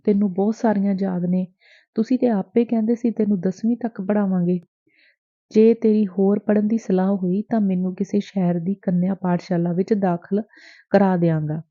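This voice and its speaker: A woman's voice: medium pitch, steady tone, normal speed, lightly acted. A woman voicing an earnest, lovesick young man in an audiobook, close to her own voice. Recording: dry, tinny phone-like sound.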